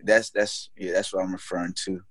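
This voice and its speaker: A man's voice: low-pitched, brisk, dry recording. A young man talking in an easygoing, rambling way, full of fillers and checks with the listener. The sound is dry and close, with no room around it. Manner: relaxed, repeats "you know what I'm saying". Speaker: guest. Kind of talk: casual faith conversation.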